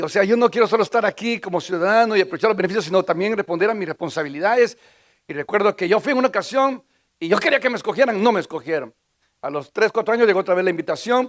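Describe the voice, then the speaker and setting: High, gravelly preacher man. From Guatemala. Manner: conversational, asks the congregation questions, repeats and restarts words. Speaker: pastor. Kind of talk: sermon.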